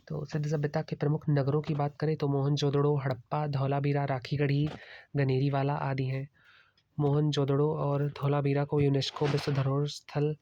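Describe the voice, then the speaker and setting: A man's voice: fairly high pitch, dark tone, dry recording, dull audio. A man teaching exam prep by walking through slides. He explains steadily and mixes English terms into his Hindi. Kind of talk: slide-based lecture.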